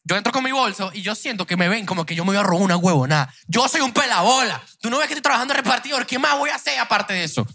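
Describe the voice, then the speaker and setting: A man's voice: high voice, lively intonation, rapid-fire, hardly any pauses, sharp tone. A young man, co-hosting a podcast in crude, joking banter and acting out the voices of people he describes. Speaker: podcast co-host.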